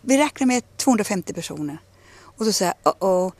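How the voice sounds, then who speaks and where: A woman's voice: mid-range voice, no room sound. A woman, telling personal stories in a radio conversation and acting out the dialogue she quotes. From Ostrobothnia, Finland. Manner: animated, acts out quoted dialogue. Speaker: interviewee.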